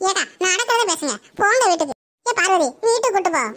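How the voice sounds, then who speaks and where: A woman's voice: very high voice, lively intonation, fast, a bit bright, dry recording, studio quality. A woman voicing a chatty, fussing village neighbor with a Tirunelveli Tamil accent, gossiping and making peace. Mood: soothing.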